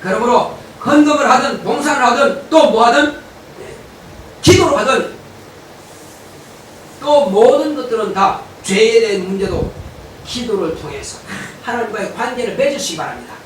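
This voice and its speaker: A male pastor giving an animated sermon, at times shouting to drive his points home. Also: very high voice, normal speed. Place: church sanctuary. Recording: echoey church hall, mic at a distance, faint noise.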